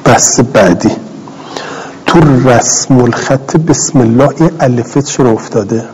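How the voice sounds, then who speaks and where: A man's voice: mid-range voice, a little mellow, a little hiss or hum, poor audio. A middle-aged male cleric gives a scholarly commentary lecture, reading Arabic text aloud and explaining it in plain, repeated Persian. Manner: repeats and rephrases phrases for clarity.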